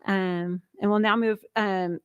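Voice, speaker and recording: A woman's voice: mid-range voice, steady tone, slow, smooth, no room sound, lo-fi sound. Woman chairing a meeting, dry close sound. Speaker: school board president chairing. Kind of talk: informal meeting chairing, reading out announcements. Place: school board meeting room.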